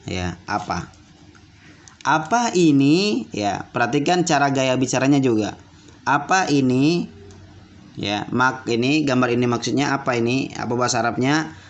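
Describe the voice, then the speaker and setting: A man teaching basic Arabic to children, repeating words slowly and checking that they understood. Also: medium pitch, a bit bright. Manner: repeats words slowly and asks questions back. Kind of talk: classroom lesson for children. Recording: dull lo-fi audio with faint room noise.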